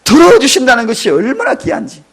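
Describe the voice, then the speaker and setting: A man in his fifties, a pastor preaching a sermon in a church, dramatic and emotional, with sudden loud outbursts and tearful cries. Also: extremely high pitch, wildly swooping pitch, quick pace, breathy edge. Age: 50s. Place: church sanctuary.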